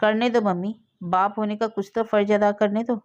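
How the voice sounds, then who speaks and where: A woman's voice: mid-range voice, fairly even intonation, normal speed, a little mellow, natural voice. A woman reading as a firm, outspoken young daughter. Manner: firm, insistent. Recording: dull lo-fi audio.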